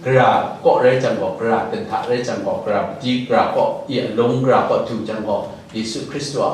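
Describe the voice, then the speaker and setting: A man's voice: on the low side, steady tone, fairly quick. A male pastor preaching a sermon, dropping English words into his speech now and then. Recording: very echoey hall, distant mic, faint noise.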